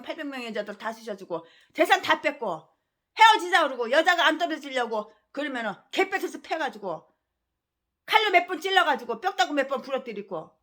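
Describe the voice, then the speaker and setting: A woman pastor in her sixties preaches fiercely, ranting with scorn and firing rhetorical questions. Her delivery lurches between loud outbursts and low mutters.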